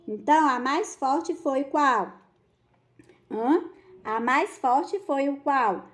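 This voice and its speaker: A woman's voice: high-pitched, expressive, takes it slowly. A Brazilian woman teacher giving a recorded lesson to young children, affectionate and patient, stretching out key words as she explains. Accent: Brazilian Portuguese.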